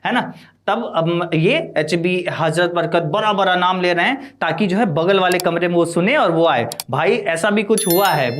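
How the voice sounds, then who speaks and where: A man teaching, who reads English lines slowly and then explains them in Hindi, often adding "है ना" and fillers. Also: high-pitched. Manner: keeps adding the tag "है ना" and fillers. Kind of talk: line-by-line lesson explanation.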